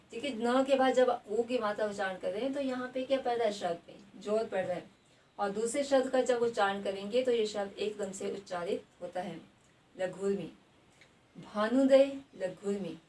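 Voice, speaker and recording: A woman teacher giving a grammar lesson. She puts questions to the class, answers them herself and repeats each word slowly. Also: fairly high pitch, darkish tone. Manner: adds a tag question after most points. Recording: slightly distant mic with faint background noise.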